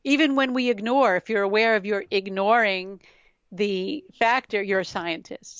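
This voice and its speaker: A middle-aged woman with a mid-range voice appears as a yoga scientist guest on a conversational podcast interview, reflective and explanatory and quick to laugh. The recording is dull, lo-fi and dry, with no echo.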